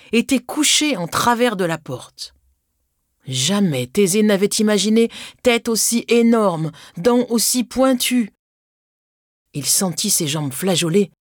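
A woman reads a children's storybook aloud as scripted narration. Her pitch moves a lot and rises on dramatic words. The sound is dry and close, with no room around it. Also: dry recording.

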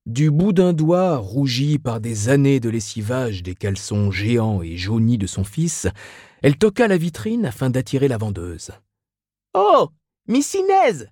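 A man reading a novel aloud as narrator, in a lively, expressive way. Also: medium pitch, normal speed, no room sound, studio quality. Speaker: audiobook narrator. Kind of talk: scripted narration.

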